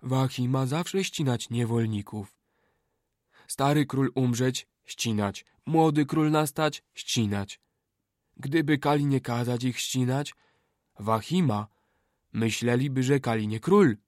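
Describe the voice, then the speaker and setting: A man's voice: medium pitch, takes it slowly, darkish tone, no room sound, clean studio sound, lightly acted. A man voicing a humble young male king in an audiobook, speaking in broken, submissive phrases. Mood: uneasy. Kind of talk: audiobook character voice.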